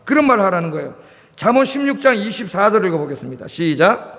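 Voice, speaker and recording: In a reverberant church hall, a middle-aged pastor from Korea delivers his sermon at a fast clip, very animated, with a high, gravelly voice of fairly bright tone. He keeps questioning the congregation and circling back to key words.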